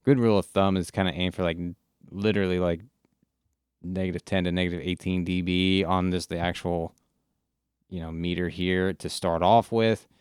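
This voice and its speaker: A man's voice: low voice, steady tone, normal speed, clean tone, no echo. A man streaming from his home studio, chatting casually with his audience, laid-back and rambling, swearing often. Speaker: music streamer. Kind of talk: casual live-stream chat.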